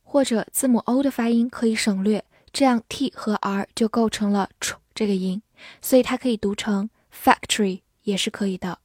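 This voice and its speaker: Clear woman teaching English vocabulary. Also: mid-range voice, darkish tone, no room sound, studio quality. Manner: clear and measured, spells words out letter by letter and reads example sentences slowly. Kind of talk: scripted vocabulary lesson.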